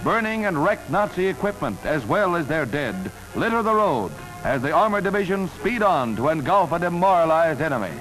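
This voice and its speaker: A man narrating an old 1940s wartime newsreel in a brisk, emphatic announcer delivery. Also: fairly high pitch, big pitch swings, low-quality recording. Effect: old newsreel soundtrack. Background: loud music score.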